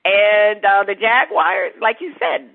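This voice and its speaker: A woman's voice: medium pitch, animated, slow, creaky. Casting: female sports-talk host, chatty, laughs easily, narrow phone-line sound. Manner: chatty, laughs easily, searches for names aloud.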